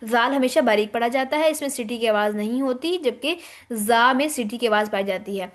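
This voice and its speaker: High-voiced woman teaching tajweed. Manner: explains pronunciation rules step by step, demonstrating sounds. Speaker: Quran teacher. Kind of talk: online Quran tajweed lesson.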